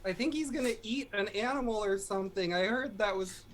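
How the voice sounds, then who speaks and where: A man's voice: high-pitched, a little fast, fairly bright tone, a little hiss or hum. A man chatting casually as a player in a tabletop game.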